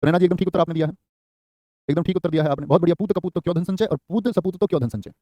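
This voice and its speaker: Fast-talking, high-voiced male teacher. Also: warm tone, no room sound. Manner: quick, repetitive dictation, calls students by name. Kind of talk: live online exam-prep class.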